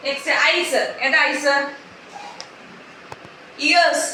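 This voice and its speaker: A woman teaches a preschool class, coaxing the children and repeating each simple word. Her voice is high and bright. It comes from far off in a very echoey classroom. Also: steady tone, slow pace, slight background noise. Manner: coaxing, repeating simple words and asking many questions.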